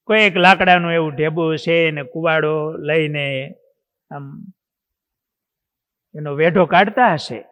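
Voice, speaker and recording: A man, a monk preacher, telling a devotional story dramatically in a reverberant hall. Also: on the high side. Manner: dramatic, swings in loudness.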